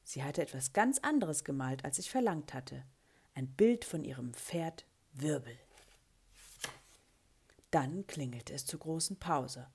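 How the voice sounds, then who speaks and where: Low, breathy woman reading a storybook. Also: measured pace, long pauses. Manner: expressive, lively character voicing in quotes. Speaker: children's book reader. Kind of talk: reading a children's story aloud.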